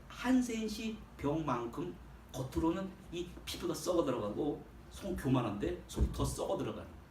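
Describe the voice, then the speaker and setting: High, animated preaching man in echo. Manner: emphatic preaching with sharp swings in pitch and volume. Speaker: pastor. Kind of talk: sermon. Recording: roomy echo, voice from a distance, faint background hum.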